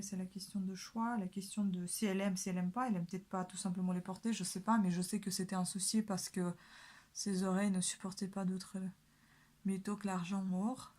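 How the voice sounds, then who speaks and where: A woman's voice: mid-range voice, dark tone. A young woman chatting casually while doing her makeup, full of hesitations and fillers. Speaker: beauty vlogger.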